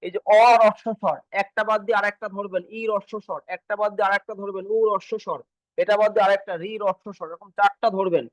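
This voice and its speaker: A man's voice: high-pitched, steady tone, quick pace, dry recording, low-quality recording. A man teaching an exam-prep grammar lesson, repeating key points and asking questions he then answers himself. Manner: repetitive, quizzing students and answering himself.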